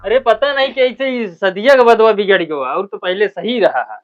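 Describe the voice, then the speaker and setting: A man with an Awadhi accent playing a gruff, exasperated old father-in-law in a village comedy sketch. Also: high-pitched, moderate pace, narrow, tinny audio, soft background music, lightly acted. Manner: grumbling, scolding. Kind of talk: rural comedy sketch acting.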